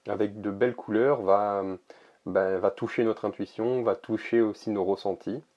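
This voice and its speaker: A man casually showing an oracle card deck, talking in a relaxed, hesitant way with many pauses and fillers. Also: lowish voice, dull audio. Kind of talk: casual product presentation to camera.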